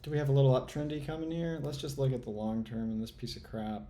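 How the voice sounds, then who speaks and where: A trading channel host talks to himself while playing a trading game, muttering, sighing in exasperation and swearing at the chart as he commentates live. His mid-range voice is mellow and quick-paced, with slight background noise behind it.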